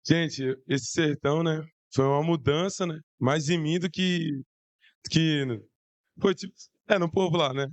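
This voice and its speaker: A hoarse young man with a Brazilian Portuguese accent, telling a church testimony in an excited, slangy way. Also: a little high, a little slow, no room sound. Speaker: church youth member giving testimony. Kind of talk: casual testimony to a congregation.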